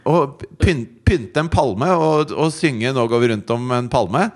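A man in his thirties telling a story in casual chat, animated and laughing, acting out quotes. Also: medium pitch.

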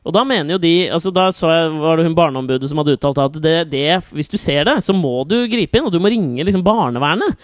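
A man's voice: a little high, lively intonation, hardly any pauses, dry recording, clean studio sound. A man, co-hosting a podcast and bantering sardonically, with some swearing. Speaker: podcast co-host. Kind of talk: casual chat.

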